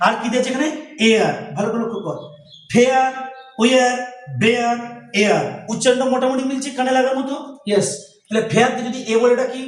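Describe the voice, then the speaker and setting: Bengali guy teaching a class, really high voice, keeps quizzing then answering himself, echoey room, bit far off. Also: racing. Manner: asks questions and answers them himself. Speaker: English teacher. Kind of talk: classroom lesson explaining rhyme scheme.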